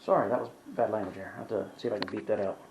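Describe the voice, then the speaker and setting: A man's voice: lowish voice, steady tone, rapid-fire, a little mellow, highs cut off, a little hiss or hum. A young man chatting casually while building in a hot workshop, out of breath, rambling and self-deprecating, swearing when frustrated, filmed on a handheld camera. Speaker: woodworking vlogger.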